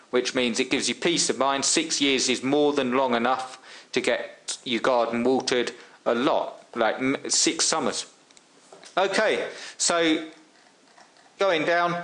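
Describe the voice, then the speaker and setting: A man walks through a tutorial in a relaxed, friend-to-friend way. His speech is loose and conversational, full of ums and quick restarts. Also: mid-range voice. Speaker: online marketing tutor. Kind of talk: casual screen-share tutorial.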